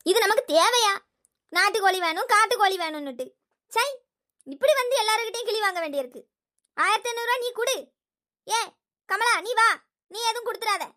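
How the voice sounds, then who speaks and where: A woman's voice: very high voice, sharp tone. A woman playing a bossy village woman who scolds and haggles over a stolen hen, with a Thoothukudi Tamil accent.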